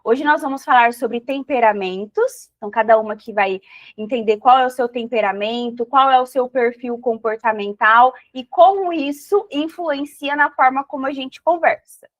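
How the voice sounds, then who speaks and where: A woman's voice: high voice, moderate pace, no echo. A woman mentor teaching a live online class, encouraging and asking her listeners reflective questions.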